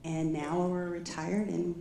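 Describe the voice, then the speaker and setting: An older woman who is a retired pastor speaks calmly and plainly on a church panel. Her voice is low and mellow. The room is echoey, with a faint murmur behind her. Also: unhurried, vocal fry, a little hiss or hum. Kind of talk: panel sharing.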